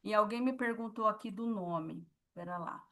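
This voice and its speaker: Woman, Brazilian Portuguese accent, sign language teacher, patient, explaining, middle pitch. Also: normal speed, a bit bright. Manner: patient, explaining, with frequent check-ins. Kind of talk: online class explanation.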